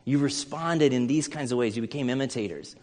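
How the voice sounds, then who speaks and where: Speaking fairly quickly in a mid-range, darkish voice, a middle-aged pastor from the United States mixes scripture and personal stories in an earnest, conversational sermon full of storytelling asides. Long reverb from a hall colors the audio.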